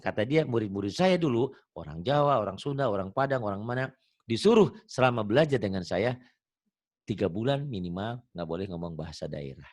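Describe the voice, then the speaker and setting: A middle-aged man teaches Quran reading in an online lesson, his low voice rising and falling a great deal as he talks. He explains patiently and chattily and draws out the recited verses in a slow chant. The sound is dry and close. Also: expressive, darkish tone, no echo.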